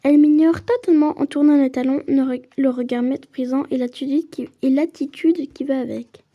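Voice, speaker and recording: A woman's voice: high-pitched, fairly even intonation, fairly quick, muffled recording. A woman playing a story game, reading the narration aloud and adding chatty asides of her own. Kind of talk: casual playthrough with read-aloud narration.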